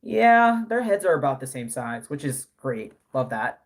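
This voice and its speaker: A man's voice: medium pitch, big pitch swings, measured pace. A man in his early twenties chatting casually on a live stream, rambling with many fillers and self-corrections. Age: early 20s. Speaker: live streamer and doll artist.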